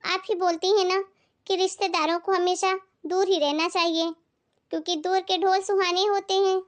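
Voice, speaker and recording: A woman's voice: very high-pitched, level tone, moderate pace. Woman voicing a polite young daughter-in-law. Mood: respectful. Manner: respectful, soft-spoken. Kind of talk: animated family skit.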